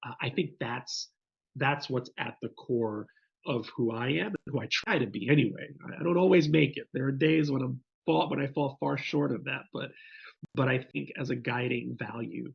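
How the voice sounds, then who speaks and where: The man's husky, mid-range voice, with vocal fry, moves at a normal speed over dull audio. Hailing from the Bronx, New York, this podcast guest thinks through his answers to interview questions, restarting often and relying on fillers.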